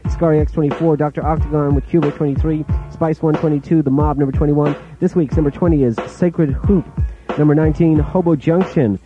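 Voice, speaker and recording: A man hosting a hip hop countdown on a pirate radio broadcast, rattling off chart entries in quick, clipped fragments. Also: fairly high pitch, fairly even intonation, highs cut off. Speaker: radio DJ and host. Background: music playing under the voice.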